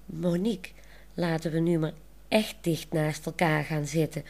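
A woman's voice: sits low, fairly even intonation, unhurried, darkish tone. A woman voicing a proud, cheeky man in a wheelchair who talks boastfully. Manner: boastful, playful.

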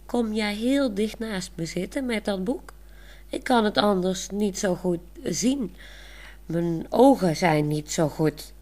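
A woman's voice: medium pitch, slow, a little mellow, lightly acted. A woman voicing a shy, bashful grown man in love who talks hesitantly and stammers, in a storybook reading.

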